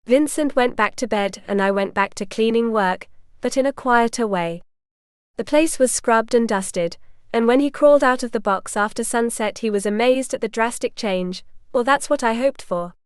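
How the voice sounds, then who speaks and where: A woman narrating a first-person audiobook with wry, lively delivery. Her voice is smooth and resonant, a little higher than most, recorded dry and close with no room sound. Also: moderate pace, no echo.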